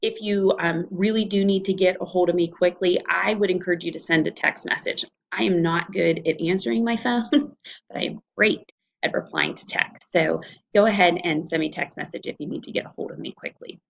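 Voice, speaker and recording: A college instructor speaks fairly quickly in a lowish, gravelly voice, captured with lo-fi sound. With her Ohio Valley American accent, she leads students through an online course in an informal screencast, keeping it conversational and explanatory.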